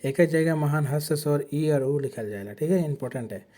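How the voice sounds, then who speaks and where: A man's voice: fairly high pitch, a little fast, mellow. A man teaching an exam-prep lesson, explaining terms from a slide and often correcting himself.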